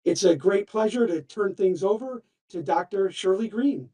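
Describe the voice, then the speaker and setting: A man reads a formal introduction for a guest speaker over a video call. His voice is fairly high but dark and mellow in tone. He sounds set back from the microphone, and he stumbles and corrects himself now and then. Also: expressive, moderate pace. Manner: formal, with small slips and corrections. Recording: distant, dull call audio.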